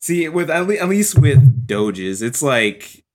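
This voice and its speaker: Very animated young man in casual chat. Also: fairly high pitch, takes it slowly.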